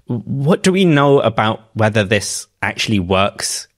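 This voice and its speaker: A man hosting a science podcast, asking a reporter brisk, curious questions and introducing clips. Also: lowish voice, sing-song. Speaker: podcast host. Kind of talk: interviewing a reporter.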